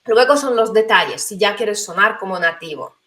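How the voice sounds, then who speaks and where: A woman of middle pitch answers interview questions as a guest. She is a language teacher. She speaks thoughtfully and pauses often, filling the gaps with small hesitations. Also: sharp tone. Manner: thoughtful, hesitant, many fillers. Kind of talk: conversational interview.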